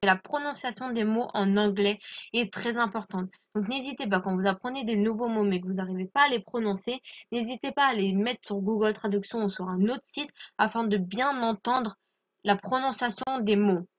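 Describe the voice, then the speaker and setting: A woman giving an English grammar lesson, explaining clearly and patiently and checking in with her listeners. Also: medium pitch, normal speed, highs cut off. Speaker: English teacher. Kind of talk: French-language English lesson.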